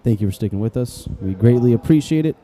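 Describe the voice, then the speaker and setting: A man's voice: medium pitch, lively intonation, fast talker, dark tone. A man doing casual, joking play-by-play commentary for a live-streamed tournament, calling shots as they happen.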